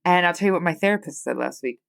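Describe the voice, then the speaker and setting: A woman's voice: fairly low pitch, lively intonation, fast talker, creaky. A woman in her thirties hosting a solo podcast, talking in a rambling, heartfelt, confessional way full of fillers and restarts. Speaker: podcast host.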